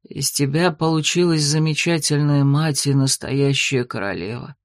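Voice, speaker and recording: Devoted old werewolf man, woman reading, soft low slow voice, dry sound. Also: steady tone, dry recording. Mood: gentle. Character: grey-haired male werewolf, gentle and devoted.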